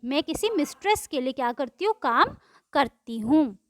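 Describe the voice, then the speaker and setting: A woman teacher goes through a poem line by line, reading the English slowly and then explaining it in Hindi while posing and answering her own questions. Her voice sits high with lively intonation, and there's background noise.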